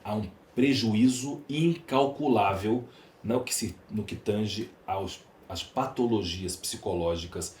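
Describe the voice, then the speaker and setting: Speaking slowly in a fairly low, slightly mellow voice, this Brazilian man with a Brazilian Portuguese accent makes his points emphatically and rhetorically as an opinionated podcast guest. The interview audio carries faint background noise and a roomy echo.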